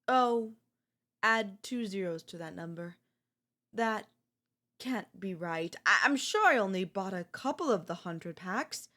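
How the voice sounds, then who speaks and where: A woman's voice: mid-range voice, expressive, measured pace, sharp tone. A woman voicing a bratty, spoiled young queen in an ASMR audio role-play, whiny and playfully haughty. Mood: haughty pouty.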